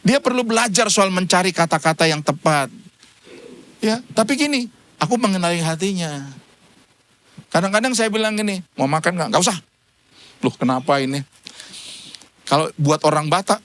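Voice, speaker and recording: A man preaching a light-hearted sermon, his voice pitched a touch high for a man and swinging widely as he tells stories. He acts out both sides of a conversation with his wife and chuckles as he goes. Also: big pitch swings, normal speed, a bit bright. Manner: storytelling, acting out dialogue with his wife; chuckles often between points. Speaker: pastor. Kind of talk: humorous sermon. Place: church service.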